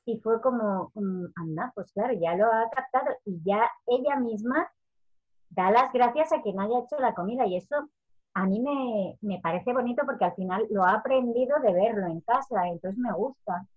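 A woman's voice: on the high side, normal speed, narrow, tinny audio. A woman in her thirties from Spain, a parenting educator chatting in an interview and acting out quoted lines as she tells stories. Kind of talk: casual interview talk.

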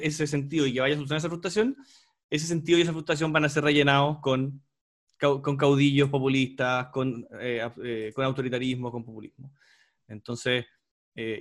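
A man speaking at a rapid clip in a relaxed discussion. His voice sits at an ordinary middle pitch. He talks earnestly, circling back and restarting his phrases as he thinks. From Chile. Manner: fast, earnest, with many restarts. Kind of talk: casual panel discussion.

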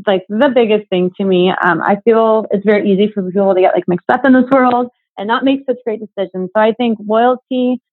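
A woman's voice: mid-range voice, steady tone, brisk, hardly any pauses, no room sound, narrow, tinny audio. A young woman chatting casually as an interview guest, a fitness coach with a bubbly, giggly manner.

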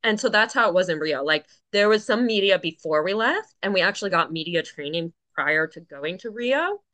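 A woman's voice: on the low side, animated, fairly quick, fairly bright tone. A woman talking casually as a podcast guest, explaining with lots of fillers and asides. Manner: chatty, many fillers, explains plainly. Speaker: guest, Paralympic coxswain.

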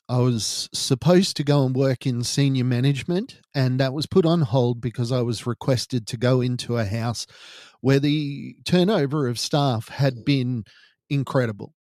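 A middle-aged Australian man hosts a podcast, giving serious first-person narration in a true-crime style with deliberate phrasing. His mid-pitched voice has a darkish tone, captured on a dry recording with no echo.

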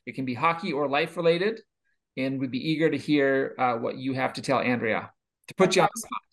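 Male podcast host, mid-pitch, playful, slips into ad reads. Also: brisk, a bit bright. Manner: jokey, reads ad plugs. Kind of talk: casual chat.

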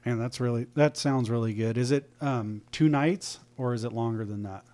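A man's voice: medium pitch, moderate pace, dark tone. A man co-hosting a casual podcast, asking easygoing questions with some fillers. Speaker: podcast co-host.

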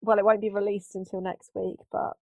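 A woman's voice: mid-range voice, flat delivery, fairly quick, dark tone, no echo, low-quality recording. A woman hosting a podcast in loose, casual chat full of fillers. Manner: conversational, loose, lots of fillers. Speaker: podcast host.

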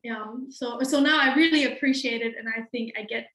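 Young woman, fairly high voice, thoughtful, hesitant, roomy echo. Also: brisk, a bit bright. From Germany. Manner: thoughtful, hesitant with many fillers. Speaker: interview guest. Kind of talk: casual conversation.

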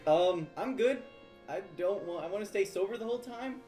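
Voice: mid-range voice, animated, fairly quick, dark tone. Hesitant, informal tabletop player, faint music behind. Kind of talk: casual improvised tabletop role-play.

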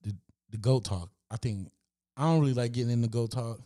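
A man co-hosting a podcast in casual chat, laying out facts in a relaxed, laid-back way. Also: mid-range voice, fairly quick. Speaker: podcast co-host.

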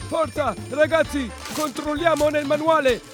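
A man's voice: very high voice, fairly even intonation, normal speed, fairly bright tone, soft background music, voice pushed up. A man voicing a squad of eager, bumbling soldiers who answer orders and count off as they march.

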